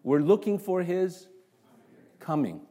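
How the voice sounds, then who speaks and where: A male pastor from Canada preaching to his congregation in a church. His voice sits a little high for a man. He talks in an animated way and keeps throwing rhetorical questions at the room. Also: takes it slowly. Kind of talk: sermon.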